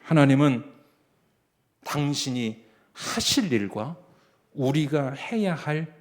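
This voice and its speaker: A middle-aged man, a senior pastor, preaching a Sunday sermon in a church, telling a story in hushed tones and then building to emphatic calls. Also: a little high, lively intonation, slow. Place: church sanctuary.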